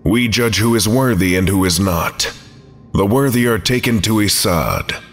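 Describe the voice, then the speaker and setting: A man's voice: fairly low pitch, expressive, a little slow, soft background music. A man reading the lines of a solemn hazmat-suited humanoid entity in a grave, clipped, matter-of-fact way.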